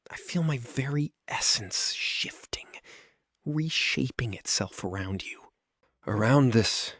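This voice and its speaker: A man voicing a centuries-old, proud, brooding vampire lord confessing love in an ASMR role-play, husky and breathy, with halting, intense delivery and dramatic pauses. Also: medium pitch, no echo, studio quality. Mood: overwhelmed, fearful. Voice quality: breathy, husky, often dropping into soft voice.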